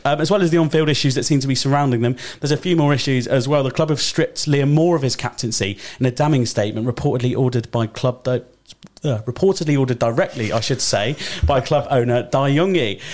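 Brisk sports radio presenter. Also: male voice, medium pitch, a little mellow. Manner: chatty, laughs lightly between points. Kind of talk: casual sports radio chat.

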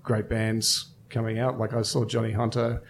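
A man's voice: fairly low pitch, completely flat delivery, normal speed, a little hiss or hum. A man of fifty, a brewery co-founder, chatting casually as a guest and thinking aloud with many fillers. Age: 50s. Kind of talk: casual interview chat.

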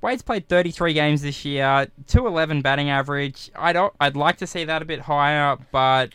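Aussie guy chatting through baseball stats, clear smooth voice, dry studio sound. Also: fairly high pitch, moderate pace, a bit bright, dry recording. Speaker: baseball commentator. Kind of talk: conversational sports commentary.

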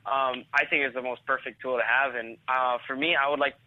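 A man's voice: medium pitch, steady tone, a little fast, no room sound. A man from Hawaii chatting casually as an interview guest, laid-back and often repeating himself. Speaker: professional surfer, interview guest. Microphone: phone call. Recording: tinny phone line.

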